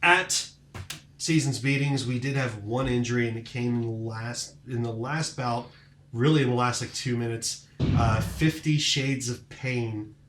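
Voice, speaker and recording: A man's voice: medium pitch, a little slow, a bit bright, a little hiss or hum. A man hosting a podcast, recapping bouts in casual, enthusiastic chat full of fillers. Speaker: podcast host. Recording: roomy echoing room.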